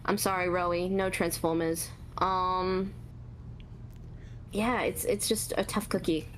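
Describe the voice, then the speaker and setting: A little hiss or hum runs beneath this casual interview, where a voice actor and artist with a naturally high voice answers questions about her work. She hesitates a lot, filling pauses with ums, stays relaxed and laughs at herself.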